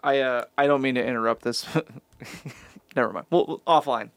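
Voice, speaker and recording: A man co-hosting a casual podcast, joking and arguing in an animated way. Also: mid-range voice, dry recording. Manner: animated, joking, quick to argue. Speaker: podcast co-host. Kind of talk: casual chat.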